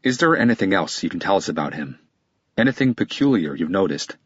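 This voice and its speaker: A man voicing a calm male police detective who asks steady, persistent questions. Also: low voice, a little fast, slightly rough, no room sound, dull audio, heavily acted. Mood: probing.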